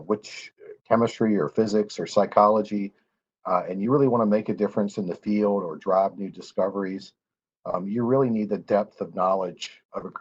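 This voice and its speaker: A man's voice: deep voice, a little mellow, slightly rough, lo-fi sound. A man on a panel explaining graduate school, hesitant and full of fillers and restarts.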